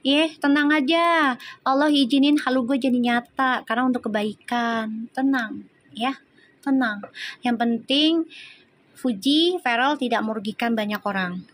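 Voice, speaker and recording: A woman's voice: a little high, a little slow, fairly bright tone. A middle-aged woman hosting a casual livestream, chatty, reading out viewer comments and calling them sweetheart. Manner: chatty, addresses viewers as sayang, sprinkled with religious phrases. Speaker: tarot livestream host.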